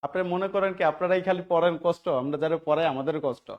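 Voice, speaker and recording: A man's voice: on the high side, racing, lo-fi sound. A man from Bangladesh teaching a grammar lesson for job-exam students, who keeps asking the class short check questions and answering them himself. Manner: grows louder and more emphatic while stressing points.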